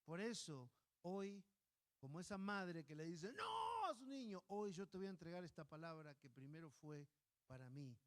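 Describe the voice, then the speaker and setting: A man preaching a sermon as pastor, earnest, often checking in with the listeners and acting out little scenes in higher voices. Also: moderate pace. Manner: animated storyteller, acting out a baby and parents in high voices.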